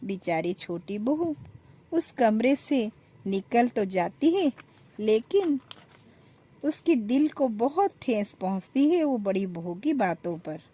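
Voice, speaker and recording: A woman narrating a family story in a measured, plain way. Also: fairly high pitch, sing-song, mellow.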